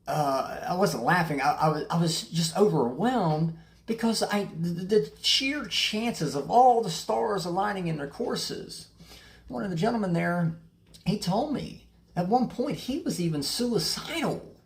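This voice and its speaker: Impassioned recovery talker, lively pitch. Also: unhurried, gravelly. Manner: passionate and blunt, swears freely; rambling with repeated restarts. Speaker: recovery meeting host. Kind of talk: candid recovery talk to camera.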